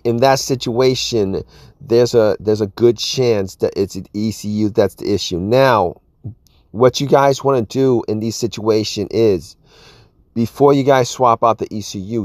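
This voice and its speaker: A man's voice: fairly low pitch, darkish tone, dry recording, studio quality. A man casually explaining a car repair, rambling and often saying "all right" and "you guys". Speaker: car repair video host. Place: outdoors at an open car engine bay.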